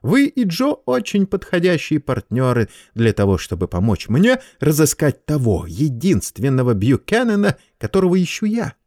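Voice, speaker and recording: A man voicing a cunning, high-strung male schoolteacher who exclaims loudly in a raised voice. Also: huge pitch swings, normal speed, hardly any pauses, no echo, studio quality. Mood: commanding.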